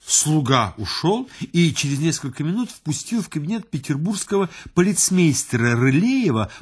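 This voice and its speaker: Husky male audiobook narrator. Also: on the high side. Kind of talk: audiobook reading.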